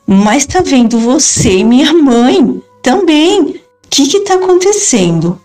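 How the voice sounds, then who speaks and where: A woman's voice: high voice, big pitch swings, measured pace, darkish tone. Brazilian woman telling a haunting story. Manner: earnest, retells dialogue in quotes. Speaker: storyteller recounting a haunted house. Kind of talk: first-person spoken account.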